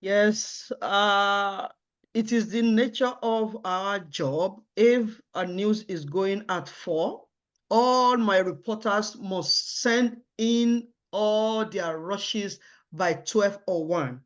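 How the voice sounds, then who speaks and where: Woman answering formal interview questions, kinda halting and repeating herself, muffled lo-fi sound. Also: medium pitch. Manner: hesitant, repeating and restarting words. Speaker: job candidate in a mock interview. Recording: dull, lo-fi audio.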